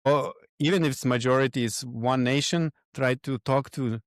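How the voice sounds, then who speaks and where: A man, a podcast guest who talks in halting phrases and searches for his words. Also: medium pitch, no echo, clean studio sound. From Lithuania. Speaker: guest, event organizer. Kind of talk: podcast interview.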